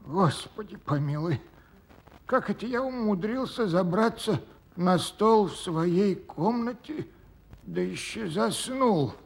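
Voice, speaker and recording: Police clerk: grumbling daydreamer, theatrical muttering, highish, very animated, radio fairy-tale style. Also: male voice, slow pace, vocal fry, slightly rough, heavily acted. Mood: flustered. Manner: theatrical muttering to himself, exclamatory. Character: grumbling, dreamy police clerk longing to be poet.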